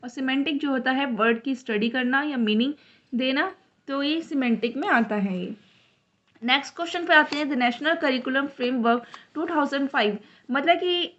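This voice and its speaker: A woman teaching an online exam-prep lesson, explaining each question step by step and reading the English question text out slowly. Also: sits high, a bit bright, muffled recording. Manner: explains step by step, mixes English terms into Hindi.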